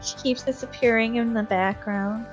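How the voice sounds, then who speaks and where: A woman's voice: on the high side, fairly even intonation, normal speed, highs cut off, soft background music. A woman co-hosting a podcast in casual chat, her mic crackling and cutting out on a remote call. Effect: mic cutting out, crackly dropouts. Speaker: podcast co-host.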